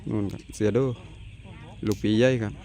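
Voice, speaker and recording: Relaxed middle-aged man chatting outdoors. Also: fairly quick. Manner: relaxed, chatty, ends phrases with polite particles. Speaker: channel host. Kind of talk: casual outdoor farm vlog. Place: outdoors on a rural farm.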